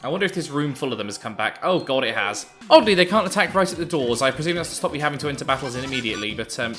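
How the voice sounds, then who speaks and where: A man's voice: mid-range voice, lively intonation, very fast, bright, forceful tone, soft background music. A man giving casual, amused commentary over a video game playthrough, with frequent ums and uhs. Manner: chatty, amused, hesitant with many ums. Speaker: let's play commentator.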